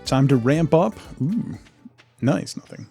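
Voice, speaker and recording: A man's voice: medium pitch, expressive, slow pace, mellow, soft background music. A young adult man streaming a farming game, chatting casually with viewers and laughing often. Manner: chatty, reads and answers chat, laughs often. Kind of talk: casual live-stream chat while gaming.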